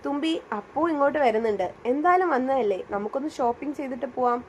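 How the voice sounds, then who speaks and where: A woman's voice: high voice, fast, a little hiss or hum, close to an everyday voice. A woman narrator voicing a cheerful young female friend who talks playfully and coaxes. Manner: playful, coaxing.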